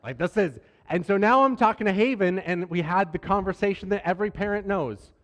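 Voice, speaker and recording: A man in his thirties, a pastor, telling a family story from the pulpit with lively, self-deprecating humor. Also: high-pitched, fairly quick. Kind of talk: sermon storytelling. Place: church sanctuary. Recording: long church hall reverb.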